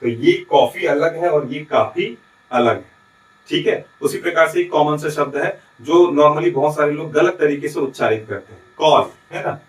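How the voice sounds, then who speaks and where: A man teaching a recorded lesson in a Chhattisgarhi Hindi accent, his voice sitting a bit higher than most men's. He explains step by step, asks questions and answers them himself, and keeps checking in with his students. The room around him echoes. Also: moderate pace. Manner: adds frequent checking tags.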